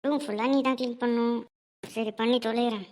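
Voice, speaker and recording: Woman doing squabbling cartoon sisters, high girlish voices, bossy older one, cheeky younger one, teasing and whining. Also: fairly even intonation, fairly quick, a little mellow, natural voice. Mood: bickering. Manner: bickering, teasing, sing-song whining. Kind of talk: homemade cartoon voice acting.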